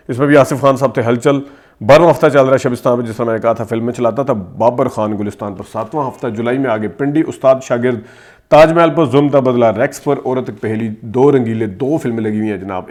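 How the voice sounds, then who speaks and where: A man hosting a rapid film-history commentary, reeling off movie titles fast and adding quick asides. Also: mid-range voice, darkish tone. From Pakistan. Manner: reels off titles quickly, stressing names, with asides. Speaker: host.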